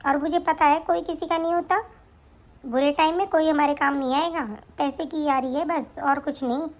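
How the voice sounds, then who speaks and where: A woman voicing a young wife who scolds and taunts her relatives over money, in an animated story. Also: high-pitched, normal speed, close to an everyday voice. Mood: scolding. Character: young wife Sapna, harsh, stingy and scornful.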